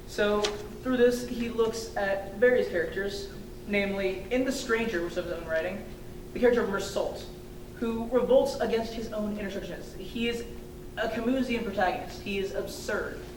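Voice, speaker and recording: A young woman presents her thesis defense hesitantly, halting often and dropping informal, hedging asides. The indoor room is echoey, with a distant mic and rumbling noise.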